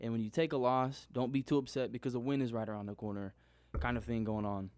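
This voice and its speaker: A young man thinks out loud in a loose, unscripted monologue, circling back on his points and restarting sentences as he goes. His voice sits at an ordinary pitch. The sound is dry and close, recorded on his own microphone in a small room. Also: fairly even intonation, fast, dry recording. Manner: rambling, self-questioning, restarts often. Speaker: trading vlogger.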